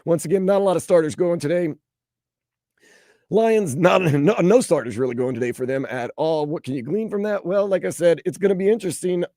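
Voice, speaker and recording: A man's voice: fairly quick, no room sound, studio quality. A man hosting a postgame sports call-in radio show, talking players and taking calls. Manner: animated, pitches the phone number.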